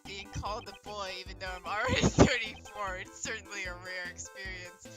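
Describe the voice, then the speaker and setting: A woman's voice: mid-range voice, fairly even intonation, fairly quick, over music, lightly acted. A woman voicing a theatrical, ageless game character who puts on British airs, delivered playfully. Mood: haughty. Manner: playful, exaggerated, giggly delivery.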